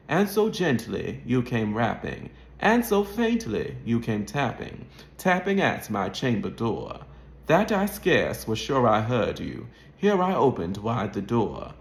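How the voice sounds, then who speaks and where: Guy reciting gothic poetry in a mid-atlantic accent, super dramatic, pitch swinging all over, echoey room. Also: creaky. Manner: theatrical, deliberate phrasing. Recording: roomy, echoing sound.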